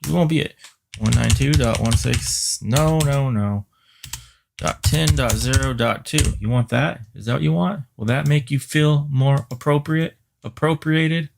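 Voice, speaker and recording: A man's voice: mid-range voice, measured pace, vocal fry, background noise. A man teaching a live-streamed IT class, muttering and grumbling at the computer while he reads out network addresses as he types. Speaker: IT instructor.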